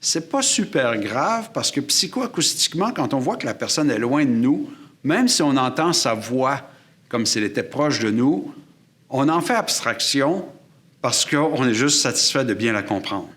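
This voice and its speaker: A man teaching a class, explaining and demonstrating microphones at a studio table with a boom-mounted shotgun mic above him. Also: big pitch swings, moderate pace, fairly bright tone. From Quebec. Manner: explanatory, demonstrating gear while talking. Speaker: photography and sound instructor. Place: studio table set up for filming. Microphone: shotgun mic on a boom above, aimed at his chest.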